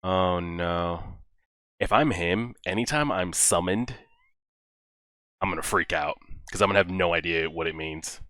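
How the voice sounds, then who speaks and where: A man's voice: low-pitched, measured pace, no room sound, clean studio sound. A man hosting a reaction video, talking casually and exclaiming at what he watches. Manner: animated, exclaiming and talking to the characters.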